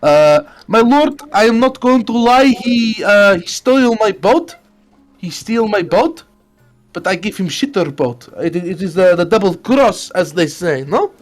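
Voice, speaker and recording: A man's voice: high-pitched, animated, measured pace, soft background music. A man voicing a scheming male boat captain in a put-on Russian accent, boasting in broken English during improvised role-play. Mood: sly. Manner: broken grammar, sly boasting.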